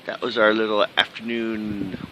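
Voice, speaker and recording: A man's voice: lowish voice, level tone, normal speed, a bit bright, low-quality recording. A middle-aged man chatting casually and jokily as a vlog host, outside on a windy day. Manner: jokey, crude humor.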